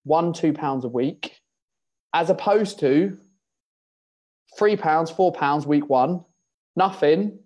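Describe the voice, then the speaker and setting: A man, an online fitness coach, giving casual coaching advice in an interview, telling animated stories, swearing freely and acting out conversations with clients. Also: a little high, slow pace, pauses often.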